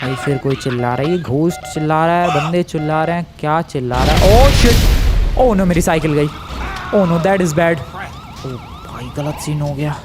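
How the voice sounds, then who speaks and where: An excitable young man talks through a spooky video game in a fairly high voice. He chats casually, then yelps and climbs even higher when something startles him. Faint game music plays underneath. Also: normal speed. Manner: excitable, yelps and rises sharply when scared. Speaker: gaming YouTuber. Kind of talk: casual gameplay commentary.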